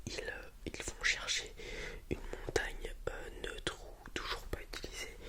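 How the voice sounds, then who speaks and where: This is a whispered ASMR roleplay: a person, soft and breathy, acts as a dragon breeder helpfully explaining things to a customer. Their delivery is improvised and unsure, with many pauses and repeated words.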